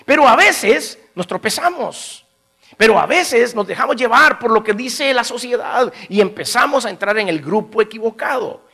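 High-voiced gravelly male preacher. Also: normal speed. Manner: animated, asks the congregation questions; chuckles between phrases. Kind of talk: sermon.

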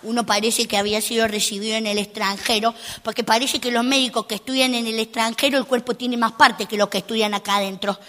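A cheeky, indignant little girl, played by a woman comic, grumbling her way through a comic monologue. Her voice sits high and bright, full of sassy asides and mock outrage. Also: steady tone, fast talker, hardly any pauses, natural voice. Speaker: stand-up comic in character.

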